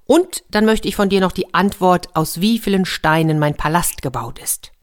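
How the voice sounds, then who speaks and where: A woman's voice: lowish voice, natural voice. A woman voicing a proud, stern king who gives orders and doubts what he hears. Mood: commanding. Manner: commanding, quick to doubt. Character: stern proud king, middle-aged man.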